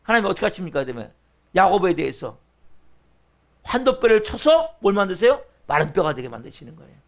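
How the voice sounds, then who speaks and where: A pastor delivers an earnest sermon in a church, constantly turning to the congregation with rhetorical questions. His voice sits high for a man and carries a gravelly rasp. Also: very animated, fairly quick. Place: church sanctuary.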